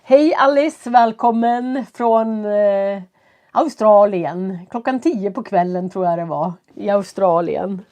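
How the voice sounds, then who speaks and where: A home-based teacher with a cough and congested nose welcomes her live-stream audience, pacing her words slowly and clearly for learners. She has a medium-pitched, warm voice, recorded on a computer setup.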